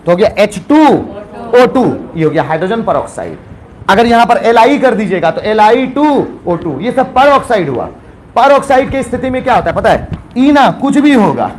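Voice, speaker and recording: High-voiced playful teacher. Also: male voice. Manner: playful, storytelling, quizzes students. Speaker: chemistry teacher. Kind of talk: classroom lecture. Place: classroom.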